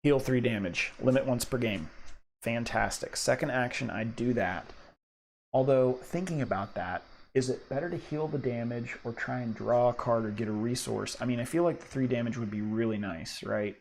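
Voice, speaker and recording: A man with a medium-pitched, gravelly voice talks casually through a solo card game. He is excitable and thinks out loud as he weighs each move, with faint noise behind him. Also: moderate pace. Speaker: solo board game player and host.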